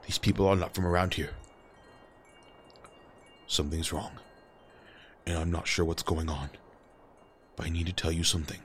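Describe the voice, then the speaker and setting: A man voicing an older male martial arts master, speaking low, hushed and earnest in a tabletop game. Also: steady tone, moderate pace, pauses often, a little hiss or hum. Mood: urgent.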